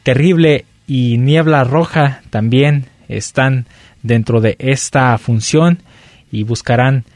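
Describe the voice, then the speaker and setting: A man with a Mexican accent hosts a lucha libre show, presenting the match card conversationally and pausing as he finds his words. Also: medium pitch, a little mellow, dry recording, studio quality.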